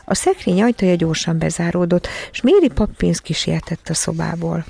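An audiobook narrator reads a children's story in an even, measured way. The voice has a gravelly fry at mid pitch, and the recording is close and dry with no room sound. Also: no room sound.

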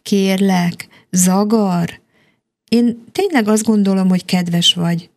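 Woman voicing a gentle, kind young girl. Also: medium pitch, natural voice. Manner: soft and coaxing.

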